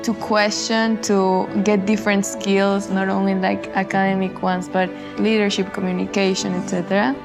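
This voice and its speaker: A woman from Colombia, a college freshman, speaking in a promotional video interview and listing points in an even way. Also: mid-range voice, normal speed, hardly any pauses. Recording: music bed under voice. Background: background music.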